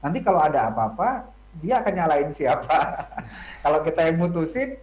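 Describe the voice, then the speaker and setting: A man's voice: a little high, sing-song, normal speed, a little mellow, reverberant, low-quality recording. A man speaking as a family psychology guest on a radio talk show, explaining points and acting out children's lines.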